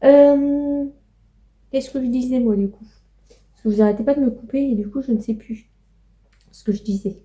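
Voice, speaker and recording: A woman's voice: fairly high pitch, a little fast, pauses often, dark tone. A young woman chatting casually in a home vlog, rambling with many fillers and cooing to her pets. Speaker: vlogger.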